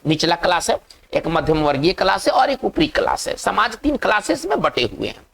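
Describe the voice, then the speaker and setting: Gravelly Hindi-speaking vocabulary teacher. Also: male voice, high voice, big pitch swings, a bit bright. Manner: repeats words slowly, frequent "है ना" tags. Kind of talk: classroom lecture in Hindi with English terms.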